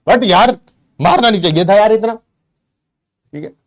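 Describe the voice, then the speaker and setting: A middle-aged man, a teacher telling a comic story from his childhood to his live class in an animated, teasing way. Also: sits high. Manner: animated and playful, teasing the class with rhetorical questions.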